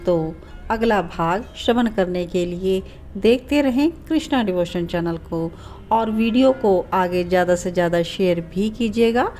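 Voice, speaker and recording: A woman storyteller giving a devotional scripted narration in a slow, reverent and emotional manner. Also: medium pitch, darkish tone.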